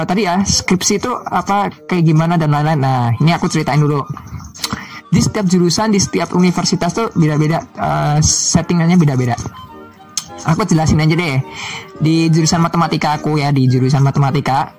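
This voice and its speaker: Young man, loose rambling vlog chat, slightly high pitch, faint music bed. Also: a little mellow. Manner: rambling, many fillers and restarts. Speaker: vlogger. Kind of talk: casual chat to viewers.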